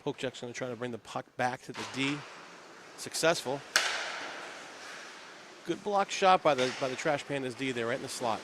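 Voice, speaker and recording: A man's voice: medium pitch, expressive, moderate pace, pauses often, noisy background. A man giving chatty, easygoing color commentary on a live amateur hockey game, bantering with his partner.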